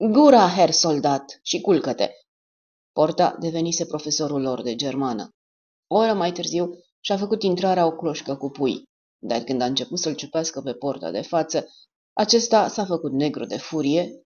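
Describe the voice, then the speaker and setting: Woman narrating an audiobook, deep low voice, kinda muffled lo-fi sound. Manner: steady storytelling delivery. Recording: dull lo-fi audiobook recording.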